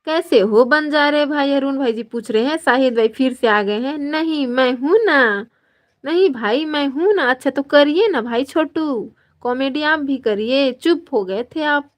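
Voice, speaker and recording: Hosting a relaxed live stream, a high-pitched woman from Chhattisgarh, India, welcomes viewers by name. She reads out their comments in a friendly, slow, stretched-out manner.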